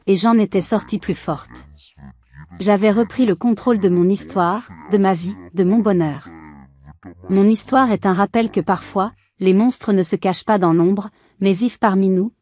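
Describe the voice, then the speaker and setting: A woman giving a calm, measured first-person story narration as the channel's storyteller. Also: mid-range voice.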